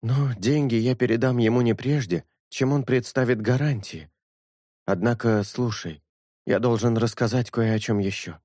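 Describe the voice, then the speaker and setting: A man reading an audiobook, voicing an earnest young priest who speaks in a measured, sincere way. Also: mid-range voice, mellow, dry recording, clean studio sound, natural voice. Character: earnest young male priest, calm and honest.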